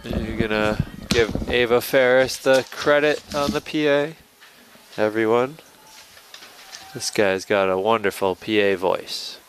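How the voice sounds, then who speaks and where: A man's voice: lowish voice, slow pace, over music. A man giving conversational color commentary on a live soccer match.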